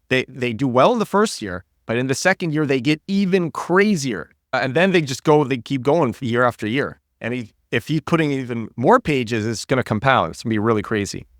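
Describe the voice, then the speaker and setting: A man's voice: medium pitch, dry recording, studio quality. A man hosting a solo podcast, talking in an enthusiastic, rambling way and often restarting his sentences. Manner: rambling, self-correcting, enthusiastic. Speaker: podcast host.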